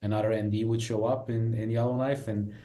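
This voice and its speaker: Man from iran guesting on a podcast, low flat voice, lots of ums. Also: brisk. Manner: hesitant, many fillers. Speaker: guest, naturopathic doctor. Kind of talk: casual interview talk.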